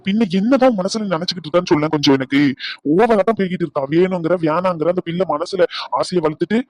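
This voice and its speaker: A man's voice: sits high, fast, a little mellow, no echo, lightly acted. A man voicing an outspoken young nephew who scolds his aunt in a cartoon family drama. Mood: scolding. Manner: scolding, insistent.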